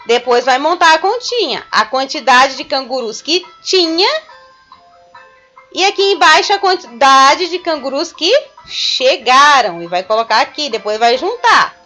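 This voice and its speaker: A woman teaching a recorded class to young children, explaining slowly and patiently step by step. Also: high-pitched, expressive, sharp tone, faint music behind. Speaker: primary school teacher. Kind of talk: recorded remote class lesson.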